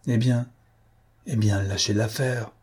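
Brief: a man playing a gruff loyal cop sergeant, urgent and blunt, dark husky voice. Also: steady tone, takes it slowly. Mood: exasperated. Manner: urgent low warnings, blunt slangy talk.

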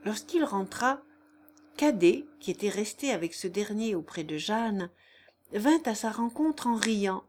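A woman reading a classic novel aloud in a slow, measured, even voice. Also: mid-range voice. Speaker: audiobook reader. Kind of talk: scripted narration of a classic novel.

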